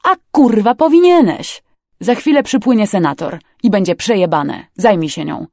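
A bad-tempered older male crook who barks orders and curses constantly, played by a woman reader. The voice is low, gravelly and dry. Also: expressive, normal speed, no room sound. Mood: angry. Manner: gruff, loud, cursing.

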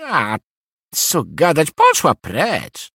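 A man voicing an old, gruff and impatient castle key-keeper. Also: on the high side, huge pitch swings, very slow, sharp tone, dry recording, clean studio sound, voice pushed up, heavily acted.

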